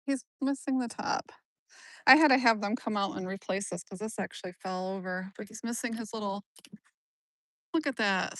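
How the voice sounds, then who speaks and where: Lady walking around a cemetery on a phone livestream, kinda high voice, dry close sound, chatting back to comments. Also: no room sound. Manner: chatty, answers live comments as she walks. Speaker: genealogy vlogger. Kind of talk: casual live-stream chat. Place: outdoor cemetery.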